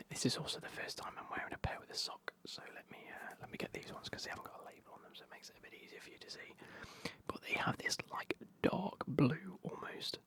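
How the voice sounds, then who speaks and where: A British man speaking in a breathy, unvoiced whisper, chatting casually through an ASMR unboxing in a hushed way. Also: a little high. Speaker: ASMR video host.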